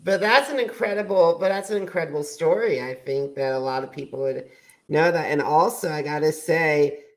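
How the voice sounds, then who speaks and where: A man's voice: on the high side, normal speed, poor audio. A man hosting a podcast, asking questions and reacting in a loose, chatty interview. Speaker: podcast host. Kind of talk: casual interview.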